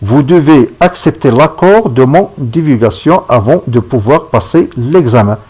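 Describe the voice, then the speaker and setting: A man talks through a screen-recorded computer tutorial, slowly and patiently, often stopping to ask if viewers are following. His voice is somewhat husky and lively in pitch, recorded on a computer microphone. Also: low-quality recording. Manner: slow, step-by-step, checks in with "d'accord?". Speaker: instructor.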